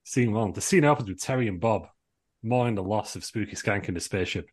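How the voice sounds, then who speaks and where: A man's voice: on the low side, a little fast, slightly rough. A man narrating a comic amateur play from a script, reading out stage directions as co-host.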